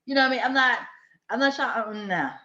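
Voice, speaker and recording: She's a woman in her fifties with a high, bright, forceful voice, lively intonation, and a fast pace. In casual chat she tells stories and performs what others said, all in a dull, echoey room.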